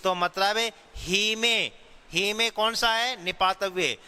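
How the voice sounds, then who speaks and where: A man teaching grammar, explaining slowly, repeating key phrases and answering his own questions. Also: sits high, bright, forceful tone, smooth. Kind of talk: classroom-style grammar lesson. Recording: long hall reverb.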